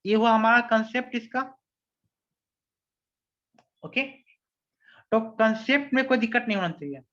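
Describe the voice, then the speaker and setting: A man with a very high, bright, forceful voice teaches a physics lesson online, explaining step by step and frequently checking whether everyone is following. He reads English question text slowly, and the recording sounds dull and lo-fi.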